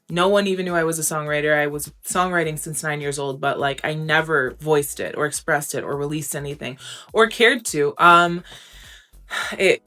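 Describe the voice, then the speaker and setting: A young American recording artist answers interview questions candidly and casually, her low, grounded voice often filling pauses with "um" and "like". Quiet music plays faintly beneath her.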